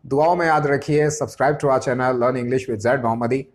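A man's voice: mid-range voice, steady tone. Man teaching English pronunciation. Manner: slows down and stretches words when explaining English terms. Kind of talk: explanatory lesson.

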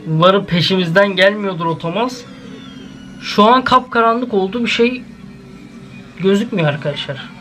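A man's voice: high-pitched, normal speed, long pauses, soft background music. Jumpy Turkish young man reacting to scares. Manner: excitable, jumpy, exclaiming at scares; addresses viewers directly. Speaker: YouTuber host. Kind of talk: casual horror reaction vlog. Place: at home, indoors. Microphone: camera set up in the room.

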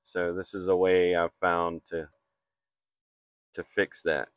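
A man's voice: low-pitched, level tone, takes it slowly, smooth, dry recording, studio quality. A man working as an HVAC technician, explaining a repair step by step in a matter-of-fact way while he works outdoors on a rooftop, filmed on a handheld phone. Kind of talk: hands-on repair walkthrough. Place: outdoors on a flat commercial rooftop.

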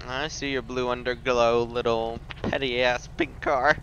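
Bright, teasing roleplay deputy. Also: male voice, mid-range voice, flat delivery, measured pace. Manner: teasing, mocking banter. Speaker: sheriff's deputy in police roleplay. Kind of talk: in-character game roleplay. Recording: dull lo-fi mic with faint noise.

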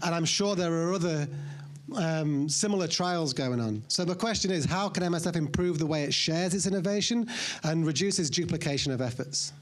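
A man's voice: a little high, normal speed. A man asking an organized question from the audience at a conference. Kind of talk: question from the floor. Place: conference hall.

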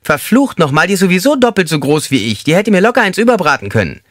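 Squeaky high inmate, crude and rambling, audiobook character, dry close sound, put on by a male narrator. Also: very animated, quick pace, no room sound. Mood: crude, mocking. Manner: coarse, rambling storytelling.

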